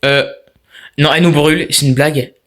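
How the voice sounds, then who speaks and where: A man's voice: a little high, steady tone, moderate pace. A young man giving casual let's-play commentary on a horror game, talking to himself and his viewers in a jumpy, restless way. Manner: jumpy, talks to himself and viewers while playing. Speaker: gaming YouTuber.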